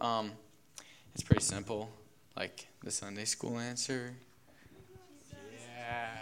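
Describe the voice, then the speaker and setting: A young man giving a relaxed sermon, full of fillers, who acts out the figures of a parable in quick voices. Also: mid-range voice. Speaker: youth speaker. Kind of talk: casual sermon.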